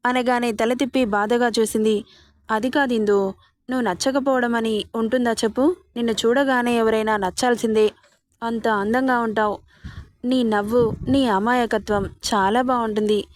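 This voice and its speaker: A woman narrating a romance story in an expressive, descriptive way. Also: on the high side, moderate pace, no echo.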